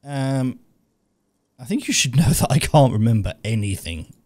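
A man's voice: mid-range voice, animated, normal speed, darkish tone. A man streaming a video game, reading his dialogue choices aloud with playful, chuckling commentary. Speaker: gaming streamer.

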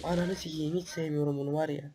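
A man with a cold and a stuffy nose, hosting excitable gameplay commentary, swearing and breaking into loud outbursts. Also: a little high, quick pace, heavy background noise. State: sick with a stuffy nose and cough. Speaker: gaming channel host.

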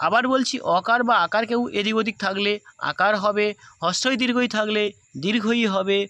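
A man's voice: high-pitched, bright, forceful tone, dry recording. A man teaching a grammar class, explaining the rules patiently and going over each step again. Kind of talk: recorded class lesson.

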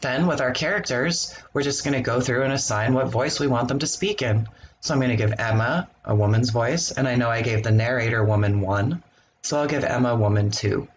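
Give me a man at a middle pitch walking through a software tutorial, relaxed and plain, with faint noise behind. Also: brisk, lo-fi sound. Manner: relaxed step-by-step explaining with ums. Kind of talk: screen-recorded software walkthrough.

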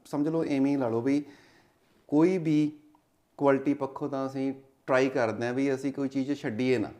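A man's voice: mid-range voice, steady tone, moderate pace, mellow. A man with a Punjabi accent casually explaining a house as its builder, in an agreeable, deferential manner. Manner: agreeable, deferential, often affirming. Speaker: home builder showing a house.

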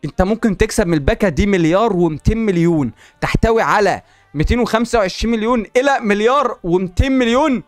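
Here a man who makes gaming videos, speaking with an Egyptian Arabic accent, reacts loudly to pack openings and talks back to the game. His voice sits high, he moves at a quick pace, and there's no room sound.

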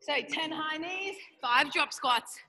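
Woman, barking gym coach, high voice, piercingly bright, live workout instruction. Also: takes it slowly. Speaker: group fitness coach. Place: large gym studio.

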